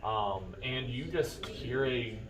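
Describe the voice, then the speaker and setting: A man runs a tabletop fantasy game as its game master. He improvises the narration in loose, informal language, halting often as he assembles the picture. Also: mid-range voice, animated, crowd noise, low-quality recording. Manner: halting, informal, piecing descriptions together.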